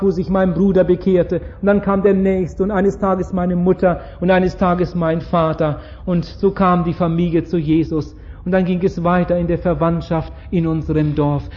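A male preacher with a notably high voice delivers a fervent sermon, pleading with his listeners and slowing to a solemn hush for scripture quotes. The recording sounds dull and lo-fi.

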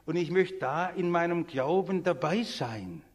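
A man preaching a sermon in a church, emphatic, swinging between loud exclamations and soft asides. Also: a little high, animated, a little slow. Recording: long church reverb.

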